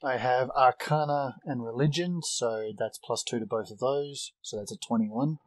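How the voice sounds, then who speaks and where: A man's voice: mid-range voice, normal speed, dry recording. Dry-sounding man playing a tabletop game. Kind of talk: describing game actions.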